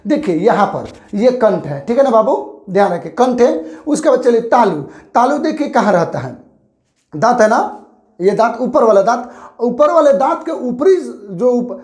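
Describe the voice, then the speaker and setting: A man's voice: very high-pitched, big pitch swings, moderate pace, darkish tone. Male tutor, exam-prep lecture, repetitive question-and-answer delivery, echoey room. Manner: explains by repeating and asking questions he answers himself. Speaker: teacher. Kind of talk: exam-prep grammar lesson. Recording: roomy echo.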